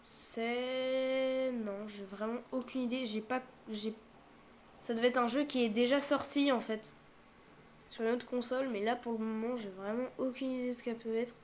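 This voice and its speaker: Young woman, reaction commentary, higher voice, faint hiss behind, muses and whispers asides. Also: fairly even intonation, moderate pace. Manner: musing aloud, many fillers, drops to whispers. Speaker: streamer reacting to a game showcase. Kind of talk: casual live reaction commentary.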